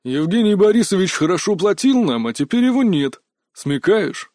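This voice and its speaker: A man voicing a hostile armed guard who speaks bluntly and menacingly in rough slang. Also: fairly high pitch, expressive, normal speed, darkish tone, dry recording, studio quality, natural voice. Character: hostile tough male armed guard, gruff. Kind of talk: audiobook character voice.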